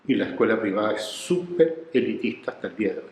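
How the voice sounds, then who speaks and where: Guy, lowish voice, tells stories animated, roomy echoey sound w long tail. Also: fast, a little hiss or hum. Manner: animated storyteller who acts out quoted voices. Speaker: interviewee, education researcher. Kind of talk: reflective storytelling interview.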